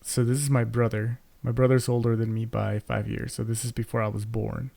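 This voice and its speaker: Podcast co-host, young man with a gravelly voice, rambling casual storytelling, dry close sound. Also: medium pitch, level tone, a little fast, warm tone, no echo. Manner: rambling, many fillers and restarts. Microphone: close podcast mic.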